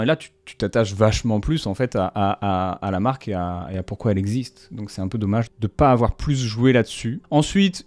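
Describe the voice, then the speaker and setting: A man's voice: mid-range voice, a little mellow, dry recording. A man giving casual, slangy commentary with punchy asides, breaking down a brand's marketing. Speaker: YouTuber analysing brand marketing.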